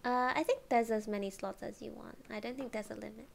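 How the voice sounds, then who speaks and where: A woman streamer chatting casually, giggling often and drifting into soft whispers. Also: on the high side, steady tone, fairly quick, creaky, slight background noise.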